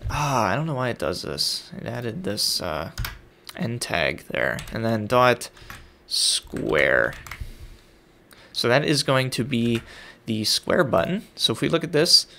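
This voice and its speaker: A man's voice: medium pitch, gravelly, pushed and bright, slight background noise. A man casually talking through a coding tutorial, thinking aloud as he types and builds an app. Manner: casual, thinking aloud while typing code. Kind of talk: screen-recorded coding tutorial.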